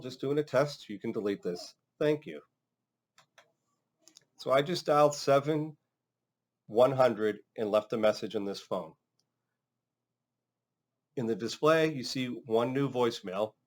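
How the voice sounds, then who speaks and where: A man's voice: medium pitch, a little slow, long pauses. A male trainer talks through a hands-on demonstration. He explains each step casually in a mid-range voice, as instructional narration. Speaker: phone system trainer.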